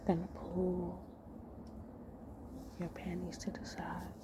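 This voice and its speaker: A woman voicing a dominant man whispering slow commands to his lover in a whispered role-play. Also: fairly low pitch, completely flat delivery. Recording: noisy background.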